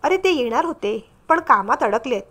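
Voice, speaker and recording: A hurt, unhappy young wife in a storybook reading, voiced by a woman narrator. She speaks in a restrained, subdued way, holding back her pain. The voice is high. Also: expressive, normal speed. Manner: subdued, then sharp and defensive.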